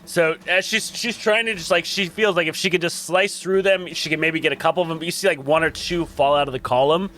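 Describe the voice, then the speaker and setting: A man narrating as dungeon master, with a halting manner full of fillers. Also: on the high side, fairly even intonation, fairly bright tone, a little hiss or hum. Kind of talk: narrating a tabletop game.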